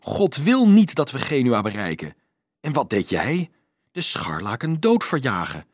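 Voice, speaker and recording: A man voicing a frightened, guilt-ridden grown man who pleads anxiously, his voice rising high in a storybook reading. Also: huge pitch swings, a little slow, breathy edge, no room sound, studio quality, full character voice. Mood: confessing.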